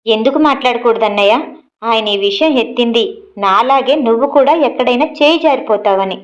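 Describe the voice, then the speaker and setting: A woman voicing a grown daughter who fiercely defies her father in a storybook reading, shouting her accusations. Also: on the high side, brisk, highs cut off, lightly acted. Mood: furious.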